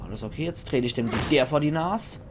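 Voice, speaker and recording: A man's voice: a little high, expressive, fast talker, over music. A man with a Palatinate German accent, chatting jokingly to himself as he plays through a horror game and comments on it. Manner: jokey, chatty, talks to himself while playing. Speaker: let's play commentator. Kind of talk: casual gaming commentary.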